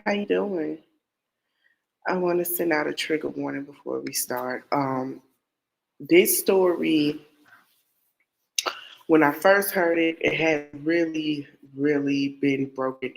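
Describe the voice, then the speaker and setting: A woman with a cold hosts a casual true-crime podcast, her low voice nasal, congested and full of vocal fry over poor audio. She rambles, repeats herself, and speaks directly to her viewers.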